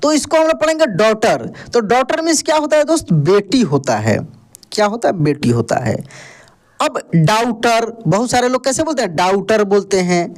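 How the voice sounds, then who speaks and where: Animated male tutor. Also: high voice, normal speed. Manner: repeats questions and answers to drill words; explanatory, addresses viewers as friends. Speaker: online English tutor. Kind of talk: classroom-style lesson.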